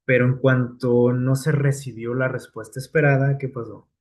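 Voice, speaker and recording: A man's voice: mid-range voice, level tone, normal speed. Male preacher, talky sermon style with plenty of "este" and "¿sí?" checks. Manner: conversational, many "este" fillers and tag questions.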